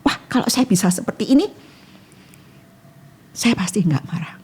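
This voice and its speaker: A woman's voice: medium pitch, animated, moderate pace, mellow, breathy edge. A woman giving an emotional testimony in casual talk, acting out her own prayers. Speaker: guest sharing a testimony.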